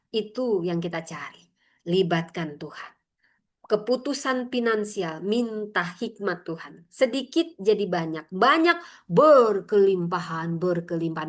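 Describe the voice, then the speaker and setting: A woman pastor preaching an expository sermon, emphatic, often calling out to her congregation and mocking critics in shrill put-on voices. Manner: emphatic preaching, addresses congregation as brothers and sisters.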